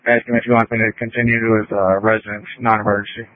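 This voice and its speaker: Sex: man. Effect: police radio. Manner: clipped, fast, flat. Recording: tinny, dry radio transmission. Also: fairly low pitch, dry recording. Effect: over a police radio. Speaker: police officer in pursuit. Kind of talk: terse radio traffic.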